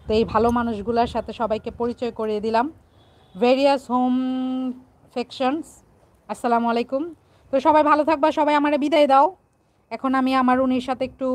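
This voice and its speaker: A woman's voice: a little high, dry recording. A playful, teasing woman from Bangladesh hosting a casual live stream and reading out viewer comments.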